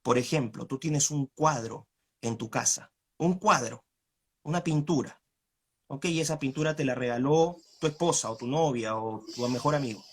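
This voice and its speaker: A man's voice: medium pitch, normal speed, breathy edge. A man arguing his side in a live online debate over a video call, asking rhetorical questions. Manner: argumentative, asks rhetorical questions.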